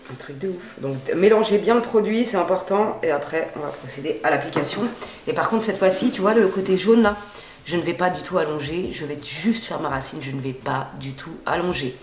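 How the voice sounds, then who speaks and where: A woman's voice: on the low side, expressive, a little fast, darkish tone, reverberant. A woman chatting casually while demonstrating how she dyes her hair, slangy and full of fillers. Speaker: beauty vlogger. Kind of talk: casual hair-dye tutorial chat. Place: home at night.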